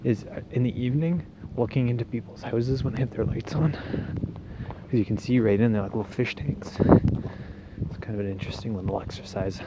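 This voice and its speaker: A man's voice: medium pitch, steady tone, normal speed. A man in a casual, hesitant, meandering walk-and-talk monologue, laid-back, with slightly muffled, swollen-cheeked speech after wisdom teeth removal. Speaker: solo podcast host. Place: outdoors walking on a residential street. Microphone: handheld phone. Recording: noisy outdoor phone recording, wind, passing cars.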